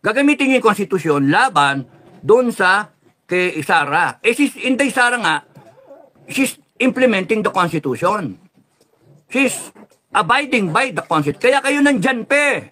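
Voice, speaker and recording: A man's voice: high voice, sing-song, unhurried, pushed and bright. A man ranting angrily in a political vlog, cursing often and switching into English. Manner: heated, cursing, mixes Tagalog with English. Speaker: political vlogger. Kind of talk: angry political vlog rant.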